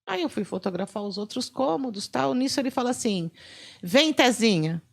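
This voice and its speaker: Brief: middle-aged Brazilian woman, forensic photographer guest, slightly gravelly voice, animated storyteller. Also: fairly high pitch, a little fast. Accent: Brazilian Portuguese. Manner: lively anecdotes, acts out quoted dialogue, laughs often. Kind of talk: animated storytelling in a podcast chat.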